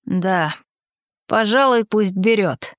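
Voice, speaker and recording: A woman's voice: mid-range voice, animated, slow pace, no room sound, studio quality, voice pushed down. A woman reading aloud, voicing a gloomy, broke young man who mumbles evasively. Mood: glum. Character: glum, broke young man, dreamy and wheedling.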